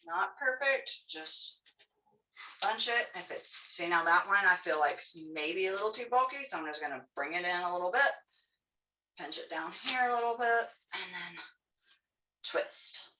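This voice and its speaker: A woman teaching a craft class in a casual, chatty, encouraging way, demonstrating step by step, with soft r sounds that lean toward w. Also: lowish voice, lively intonation, normal speed. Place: indoor room, teaching an online class. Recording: echoey room, distant microphone.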